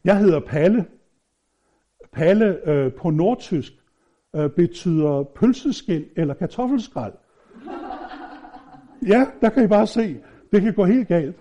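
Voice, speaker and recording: A man giving an informal, conversational sermon, halting with fillers and restarts and mixing in humorous personal stories. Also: high-pitched, expressive, dark tone. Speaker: preacher. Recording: dull lo-fi recording.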